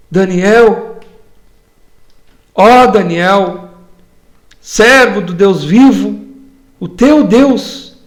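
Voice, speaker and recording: A man's voice: high voice, voice pushed up. A man acting out an emotional ancient king. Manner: raised, pleading, drawn-out voice.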